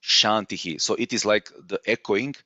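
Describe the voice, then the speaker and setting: Guy teaching vedic chanting online, lots of uhs, lowish voice, kinda dull dry sound. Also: a little slow, a bit bright, dry recording. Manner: hesitant, many fillers, explains patiently.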